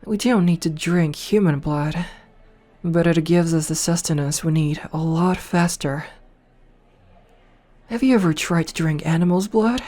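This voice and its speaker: With a low-sitting female voice and a musing mood, a voice actress takes on the role of a flirtatious, dominant noble vampire princess. The soft, slow ASMR roleplay is recorded close to the mic over faint background music.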